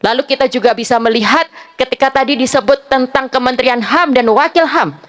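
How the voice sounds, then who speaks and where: Higher-voiced young woman arguing at a forum. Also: fairly bright tone. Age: young adult. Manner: measured, argumentative, building points one by one. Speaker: panelist, civic activist. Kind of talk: public forum speech.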